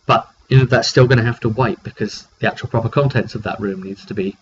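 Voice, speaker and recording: His voice is fairly low and he talks quickly, a British man recounting a tabletop game he ran as game master. The chatty, meandering story includes him performing the players' lines, picked up by a dull lo-fi mic with faint background noise.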